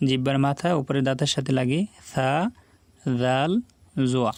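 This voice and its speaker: A man's voice: mid-range voice, normal speed, darkish tone, no echo. A man teaching Quran reading, reciting words syllable by syllable, repeating each one, and explaining pronunciation. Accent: Bangladeshi. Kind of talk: slow recitation lesson with explanations.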